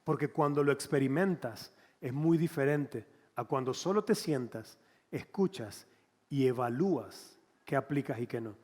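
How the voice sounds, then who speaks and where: A man, a pastor preaching an animated, conversational sermon and acting out little scenes. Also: medium pitch, a little slow, in a large hall. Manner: animated, conversational, acts out quotes.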